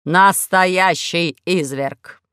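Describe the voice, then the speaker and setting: A woman's voice: fairly low pitch, clear, resonant tone, no echo, studio quality. Woman doing a gloomy grumbling robot safe. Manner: grumbling, slow and loud.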